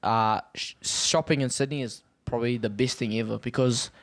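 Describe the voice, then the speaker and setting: A man's voice: mid-range voice, fairly even intonation, moderate pace, no room sound. Casual male panellist, broad Kiwi accent, emphatic delivery, very little room sound. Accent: broad Christchurch New Zealand. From Christchurch, New Zealand. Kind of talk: casual chat.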